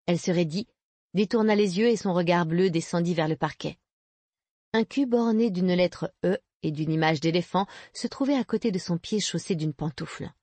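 A woman narrating an audiobook with steady, even reading. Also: on the low side, normal speed, dry recording. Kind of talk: scripted narration.

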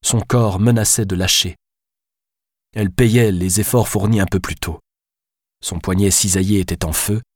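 A man reads a novel aloud in a measured, even storytelling manner. His voice is fairly low, and the sound is dry and close to the microphone. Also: slightly rough, no room sound. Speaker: audiobook narrator. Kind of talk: scripted novel narration.

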